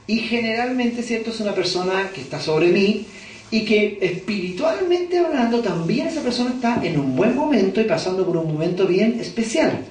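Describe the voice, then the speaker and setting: A man's voice: high-pitched, lively intonation, normal speed, darkish tone, slight background noise. A man preaching as a pastor, talking conversationally and often asking the congregation rhetorical questions. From Chile. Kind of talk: sermon. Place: church hall. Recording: echoey church hall, distant mic. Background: congregation responding.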